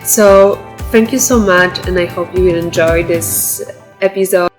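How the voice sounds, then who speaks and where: A woman's voice: lowish voice, fairly even intonation, unhurried, soft background music, rough recording. A woman hosting a podcast, introducing her guest in a chatty way with many fillers and restarts. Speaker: podcast host.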